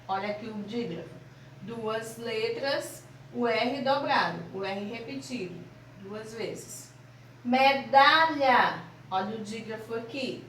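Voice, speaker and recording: A Brazilian woman with a high voice teaching young children over an online class. She speaks slowly and patiently, spelling out letters one by one. The room around her is echoey. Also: fairly bright tone, a little hiss or hum. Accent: Brazilian Portuguese. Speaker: primary school teacher.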